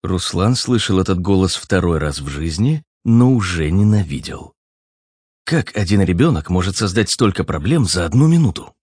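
A man narrating an audiobook in an even storytelling delivery. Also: low-pitched, normal speed, slightly rough, dry recording, clean studio sound.

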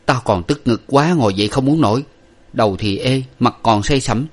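A man reading a story, voicing a young gentleman master who gives orders curtly. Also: medium pitch, moderate pace, voice pushed up, lightly acted. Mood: commanding. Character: young gentleman master, dazed but commanding.

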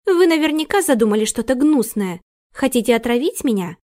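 A woman's voice: high voice, animated, brisk, warm tone, no echo, studio quality, voice pushed up. A woman voicing a young actress who accuses the butler in an insistent, cutting manner. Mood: accusing. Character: sharp-tongued young actress.

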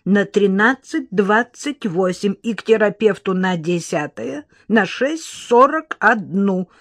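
Secretive old woman, hushed and measured, read by a woman. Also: mid-range voice, lively intonation, no room sound, studio quality. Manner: hushed, careful dictation.

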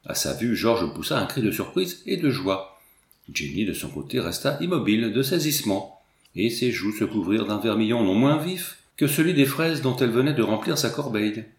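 Male audiobook narrator, lively melodic delivery, echoey room. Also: fairly low pitch, normal speed. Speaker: audiobook reader. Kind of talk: scripted narration.

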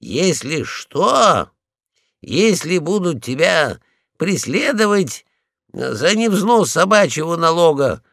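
A man voicing a pompous, bossy male guard dog in a storybook reading, loud and commanding. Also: a little high, sing-song, slow pace, creaky, no echo, clean studio sound, voice pushed up, full character voice.

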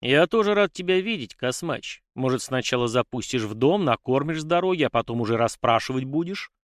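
A relaxed young hero, as a man voices him, bantering lightly in an ordinary mid-range voice. The recording is close and dry, like a storybook reading. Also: mid-range voice, a little fast, no echo, lightly acted. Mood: amused. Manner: relaxed, joking.

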